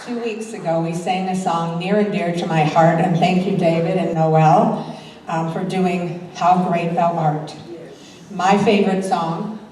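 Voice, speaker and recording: With crowd noise around her, an older woman speaks in a fairly low, steady, unhurried voice while introducing and reciting her poems. This amateur poet is performing live at a church talent show in a very echoey hall, recorded from a distance with faint noise.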